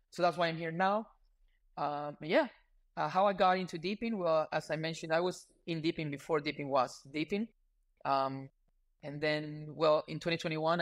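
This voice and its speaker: A man in his thirties from Ecuador, a startup founder talking as a podcast guest in a relaxed, earnest way with frequent fillers. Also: a little high. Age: 30s. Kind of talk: casual interview talk.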